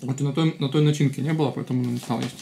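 A man's voice: medium pitch, steady tone, racing, gravelly. A man chatting casually to his pet as its owner, recorded on a camera in a small kitchen. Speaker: dog owner. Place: small home kitchen, indoors. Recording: noisy, clicky home camera audio.

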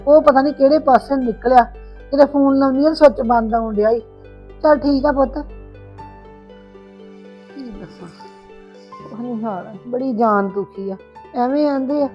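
A high-voiced Punjabi aunty in a family drama, played by a woman, middle-aged and full of grievance. She laments and grumbles plaintively as a put-upon mother-in-law. The sound is dull and lo-fi with music behind. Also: lightly acted. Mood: weary sorrow. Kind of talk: amateur family drama acting.

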